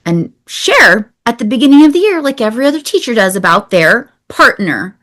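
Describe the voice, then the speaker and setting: A woman's voice: fairly high pitch, big pitch swings, fairly quick, a bit bright. A woman hosting a podcast, asking questions in a casual, encouraging way. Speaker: podcast host. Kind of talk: casual interview talk.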